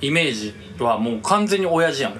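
A man's voice: medium pitch, a little fast, very noisy. A man with a Kansai accent telling a story in casual podcast chat, full of fillers. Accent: Kansai Japanese. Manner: rambling, many fillers, lively telling. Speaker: podcast co-host.

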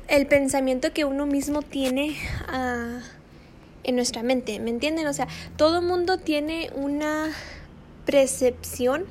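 A middle-aged woman with a high, girlish voice hosts her podcast in a casual, rambling motivational monologue, full of fillers and slipping into English now and then. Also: darkish tone, a little hiss or hum. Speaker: podcast host.

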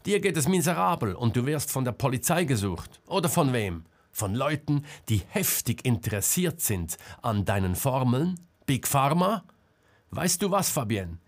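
A man's voice: fairly low pitch, lively intonation, measured pace, slightly rough, exaggerated voice. A man voicing a determined female reporter who confronts people bluntly and insistently, in an audiobook. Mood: confronting.

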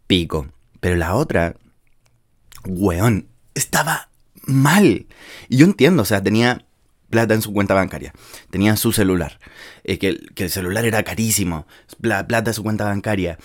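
A man's voice: low-pitched, a little mellow. A young man with a Chilean accent, telling a story casually in slang-filled speech. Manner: informal and slangy, with frequent filler words. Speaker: vlogger.

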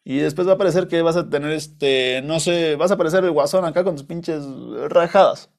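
Young mexican guy hosting a podcast, rambling and sweary, voice sits a bit high. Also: fairly even intonation, moderate pace. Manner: rambling, slangy and profane, with frequent restarts. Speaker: podcast host. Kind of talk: casual monologue storytelling.

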